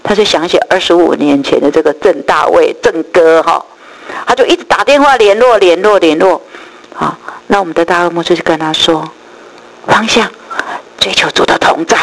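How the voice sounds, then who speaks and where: Middle-aged woman, gravelly edge, animated church testimony. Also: fairly low pitch, rough recording. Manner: lively storytelling, acts out quoted voices, many drawn-out particles. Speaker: church speaker giving testimony. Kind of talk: spoken testimony storytelling.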